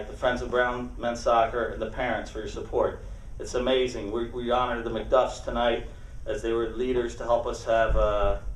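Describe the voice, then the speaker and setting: Distant mic, echoing room, male coach, mid-pitched voice, unscripted banquet speech, halting phrasing. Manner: halting, off-the-cuff delivery. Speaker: college soccer coach. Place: large banquet room, speaking to a gathering. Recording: roomy echo, distant microphone.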